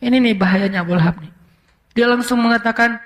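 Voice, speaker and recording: A male preacher telling a story in a casual, conversational sermon. He drops English words into his talk and retells events with lively asides. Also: very high-pitched, quick pace. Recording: long hall reverb.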